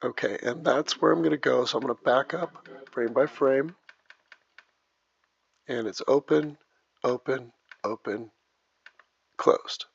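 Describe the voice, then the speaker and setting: A man teaching video editing step by step, narrating each click as he works, heard through low sample rate, muffled audio. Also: unhurried, creaky, long pauses, slight background noise. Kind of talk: step-by-step screen tutorial. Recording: dull lo-fi dry voice track.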